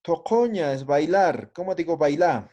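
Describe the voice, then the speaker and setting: A man's voice: on the high side, expressive, slow, a little mellow. A man teaching a language class, patiently explaining and often checking that the students follow. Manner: patient, checks understanding with frequent tag questions. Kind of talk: classroom lesson.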